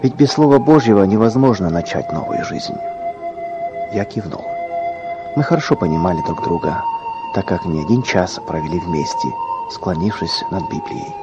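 A man narrating a scripted story in an earnest, dramatic way, sometimes dropping to a hush. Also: fairly low pitch, wildly swooping pitch, moderate pace, music in the background. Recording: dull lo-fi recording.

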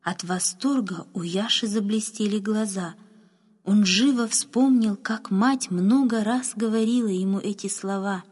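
Slow, husky woman storyteller. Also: medium pitch. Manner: calm, unhurried storytelling. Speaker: narrator.

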